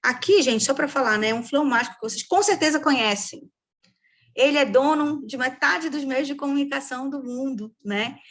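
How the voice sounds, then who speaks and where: A woman's voice: high voice, normal speed, a bit bright. A woman coach giving a casual, joking lecture, often checking in with her audience. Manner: joking, chatty, frequent "né, gente". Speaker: temperament coach.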